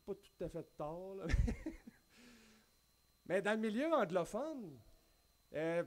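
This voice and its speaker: This pastor, a man in his thirties from Quebec with a Québécois French accent, has a voice that sits high. Preaching from a wooden pulpit on an indoor church stage, he is animated and gestures widely, with frequent restarts and spoken asides.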